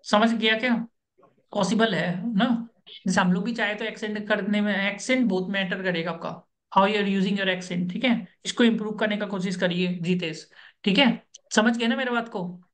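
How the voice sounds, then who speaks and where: A man's voice: high voice, moderate pace, fairly bright tone. A man coaching a student for job interviews on a video call, giving firm instructions and often checking that he is understood. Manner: directive, keeps checking understanding.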